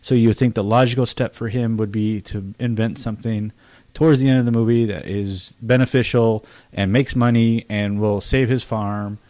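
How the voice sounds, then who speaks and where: A man's voice: lowish voice, fairly even intonation, normal speed, mellow, no echo. A man in a casual roundtable movie review, criticizing bluntly and scornfully with plenty of swearing. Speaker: film reviewer.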